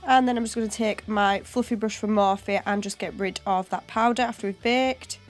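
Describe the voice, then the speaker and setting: Faint music plays behind a young woman's casual makeup tutorial voiceover, recorded on a home voiceover mic. She's a chatty beauty vlogger who goes step by step, speaking at a moderate pace in a cold, chesty, mid-range voice with fairly even intonation.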